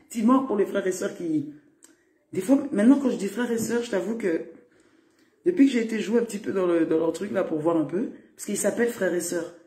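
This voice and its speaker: A man's voice: high voice, normal speed, mellow. A man chatting to viewers in a casual live-stream monologue, rambling and laughing often. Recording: roomy echo.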